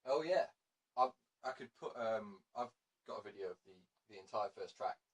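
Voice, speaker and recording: Brief: male host, lowish husky voice, loose and chatty. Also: animated, moderate pace. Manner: chatty, laughing, self-correcting. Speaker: radio show host. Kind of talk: casual chat.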